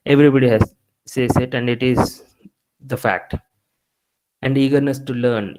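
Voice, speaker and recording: Here a guest speaker who speaks Telugu chats with engineering students about their careers, regularly restarting what he's saying. The audio is poor, and his medium-pitched voice has a darkish tone.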